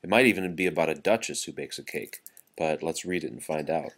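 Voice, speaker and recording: With an extremely low, fairly bright voice and a brisk pace, a man reads a rhyming children's story aloud. His phrasing is theatrical and rhythmic.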